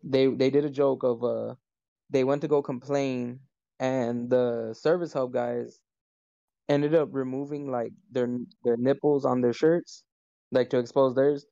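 Gravelly, dark-voiced male co-host. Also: medium pitch, fairly even intonation, measured pace, no echo. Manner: meandering storyteller with many ums. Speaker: podcast co-host. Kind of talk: casual chat. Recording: dull, lo-fi mic.

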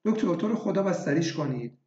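A woman's voice: sits low, dark tone. A man reading aloud voices a desperate, tearful village wife who pleads with a doctor. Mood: pleading. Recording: echoey, dull lo-fi recording.

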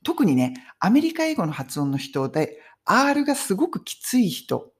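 A woman's voice: medium pitch, huge pitch swings, moderate pace. A middle-aged woman giving a casual English conversation lesson on video, talking in an emphatic, friendly teaching tone. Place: home in London.

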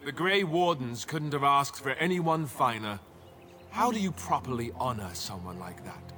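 A man's voice: mid-range voice, expressive, normal speed, sharp tone. A solemn, kingly king over music. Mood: solemn, grateful. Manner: kingly, formal public oratory. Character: solemn newly crowned king giving a funeral eulogy. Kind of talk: scripted video game cutscene speech. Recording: game audio with music behind.

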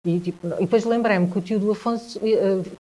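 A woman with a European Portuguese accent, telling a personal story as a guest in a conversation, with halting speech, frequent restarts and repeated words. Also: medium pitch, steady tone, mellow.

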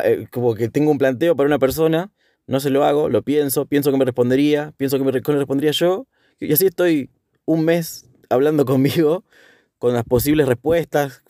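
A man's voice: mid-range voice, warm tone, no echo, studio quality. A young man with a Rioplatense Spanish accent, talking through his thoughts in a hesitant, self-correcting way. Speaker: host. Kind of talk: casual reflective monologue.

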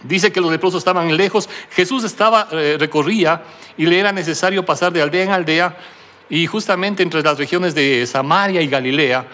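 Higher-voiced middle-aged male pastor preaching. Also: moderate pace, bright, forceful tone. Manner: storytelling with frequent tag questions; self-deprecating humor. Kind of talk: sermon.

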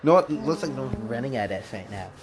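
A man's voice: medium pitch, lively intonation, fast. A young man in laid-back gaming chat, teasing his friend and laughing often. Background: game music.

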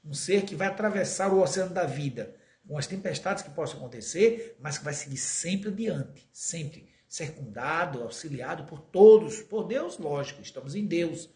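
A man with a fairly high voice gives an earnest spiritist talk on raising children. He often slows down and stretches words for emphasis. The room around him is echoey. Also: expressive, dark tone. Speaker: spiritist lecturer.

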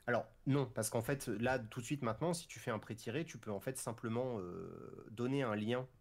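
A man, a developer of a role-playing tool, explaining its features in casual interview chat, relaxed, with many fillers and restarts. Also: medium pitch, normal speed.

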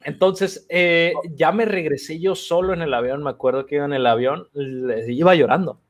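Middle-aged Mexican athlete guest, slangy and animated, slightly higher voice. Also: male voice, normal speed. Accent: Mexican Spanish. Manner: relaxed, slangy, animated retelling. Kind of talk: casual interview storytelling.

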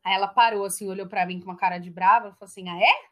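A woman with a Brazilian Portuguese accent in casual chat, a lively storyteller who laughs often. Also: medium pitch, rapid-fire.

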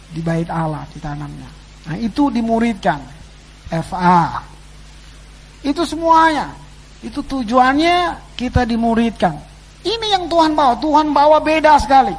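A man preaching a sermon to his congregation, swinging between loud exclamations and quiet asides. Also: very high-pitched, expressive, normal speed, low-quality recording. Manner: addresses the congregation as "saudara". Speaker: pastor. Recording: faint background noise and hum.

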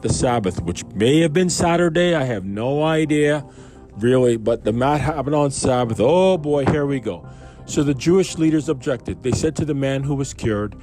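A man's voice: medium pitch, dark tone. A man from Canada reading a Bible passage aloud and commenting on it in a loose, conversational way, with asides and questions to his listeners. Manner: reads scripture aloud then riffs on it conversationally, with asides and questions.

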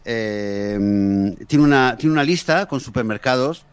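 A man's voice: medium pitch, expressive, unhurried, smooth, no room sound. A man co-hosting a casual podcast chat, a father telling a story with many fillers and restarts. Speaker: podcast co-host; father of daughters.

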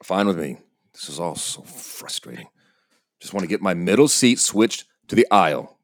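A man playing an anxious, exasperated airline passenger at breaking point, halting and stammering in a comedic drama. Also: sits low, sing-song. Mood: frustrated, weary. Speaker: airline customer. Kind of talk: naturalistic comedic drama acting.

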